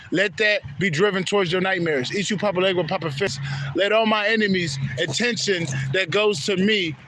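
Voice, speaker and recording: A man's voice: sits high, background noise. A man from Haiti giving a rambling, profane spiritual monologue that repeats itself. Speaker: spiritual vlogger.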